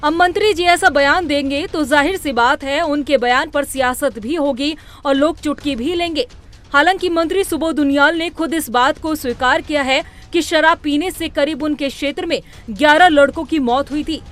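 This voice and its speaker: एक महिला रिपोर्टर जो समाचार रिपोर्ट को लिखी हुई, ज़ोरदार शैली में पढ़ रही है।. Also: female voice, sits high, normal speed, a bit bright. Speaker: news reporter. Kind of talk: scripted news narration.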